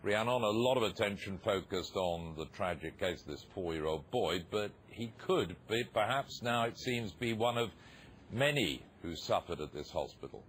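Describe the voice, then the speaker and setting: A British man with a very deep voice anchors a news broadcast. He reads in a measured, formal way. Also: animated, a bit bright, a little hiss or hum, poor audio.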